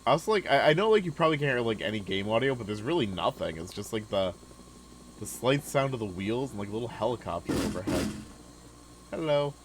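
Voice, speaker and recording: A young man casually commenting on a game he is playing, relaxed and chatty, with many filler words. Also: fairly low pitch, brisk, noisy background. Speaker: gaming video host. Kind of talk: casual let's-play commentary.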